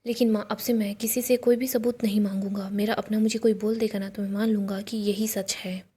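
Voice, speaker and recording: Remorseful young man, pleading and half-whispered, read by a husky-voiced woman. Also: medium pitch, flat delivery, fairly quick, mellow, lightly acted. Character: grieving young man begging his mother's forgiveness.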